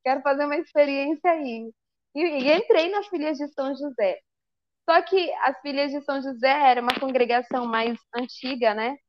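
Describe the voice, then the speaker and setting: Brazilian woman, high voice, animated testimony with acted-out quotes; dry, dull recording. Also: normal speed, no echo. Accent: Brazilian Portuguese. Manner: lively storyteller who acts out quoted dialogue. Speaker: speaker giving a religious testimony. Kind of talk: personal testimony told to a live group.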